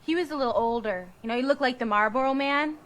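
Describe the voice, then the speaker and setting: Film clip: a friendly, rambling Minnesotan woman witness; bright, slightly high tone. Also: fast. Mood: chatty. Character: chatty small-town woman witness.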